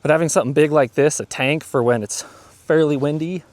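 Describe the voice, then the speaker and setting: A man's voice: a little high, a little fast, a little mellow, no echo. A man, a landscape photographer, casually and enthusiastically narrating an outdoor vlog in a mountain forest while shooting, recorded on a camera mic. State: out of breath.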